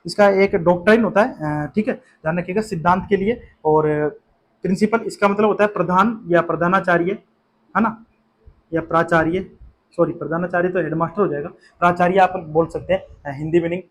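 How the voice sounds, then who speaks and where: Guy with a fairly high voice and an indian english accent, explaining english words slowly, lots of "theek hai"-style check-ins. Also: a little hiss or hum. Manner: explains slowly with many fillers and check-in questions. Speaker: English teacher. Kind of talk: exam-prep vocabulary lesson.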